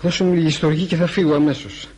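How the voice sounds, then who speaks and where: Drunk aging painter, husky, slurring, wheedling, radio drama. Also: male voice, fairly high pitch, steady tone, darkish tone. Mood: maudlin drunk.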